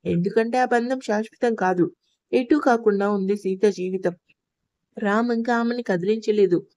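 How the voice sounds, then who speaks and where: A woman's voice: mid-range voice, normal speed, darkish tone, dry recording. A woman telling a love story in scripted narration, reading all the roles in her own voice.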